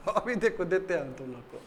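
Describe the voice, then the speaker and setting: A man's voice: high voice, lively intonation, moderate pace, soft background music. A man with an Indian English accent teaching a grammar lesson in a classroom, quizzing students and repeating their answers.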